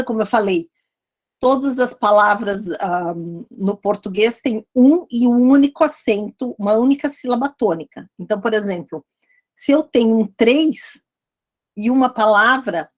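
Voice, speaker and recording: Woman giving a maths lecture. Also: on the high side. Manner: explanatory, repeats points with frequent "né?" checks. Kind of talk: academic lecture.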